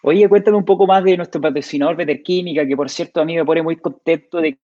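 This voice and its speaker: A man hosting an online interview in Spanish, affable, prompting his guest with steady short backchannels. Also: a little high, quick pace, no room sound, dull audio. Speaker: host.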